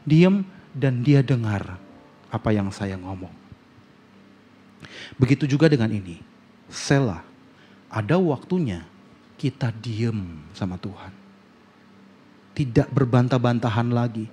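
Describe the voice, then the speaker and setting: A male pastor preaching a sermon, telling a family story, acting out the dialogue and swinging between loud outbursts and hushed asides to the congregation. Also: medium pitch, lively intonation, slow, long pauses, a little hiss or hum. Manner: addresses congregation often. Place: church sanctuary.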